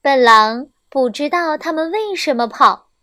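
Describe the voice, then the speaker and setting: A young woman reading a children's story aloud, gentle and expressive, on a close mic. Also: sits high, a little slow, no echo.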